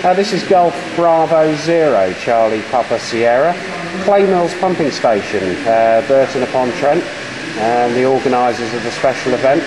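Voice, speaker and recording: A man's voice: medium pitch, lively intonation, normal speed. A man chatting in a rambling way as an amateur radio operator during a radio contact. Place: working pumping station beam room. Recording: clear background noise from machinery room.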